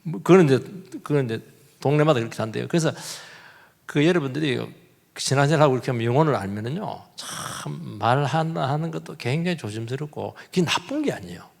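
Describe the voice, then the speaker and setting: A middle-aged male pastor delivers an animated sermon, his pitch leaping high and low as he acts out voices. His tone is gravelly and slightly husky. The long reverb of a church sanctuary trails behind every phrase. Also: fast talker. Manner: animated, acts out quoted voices, shifts between loud and hushed.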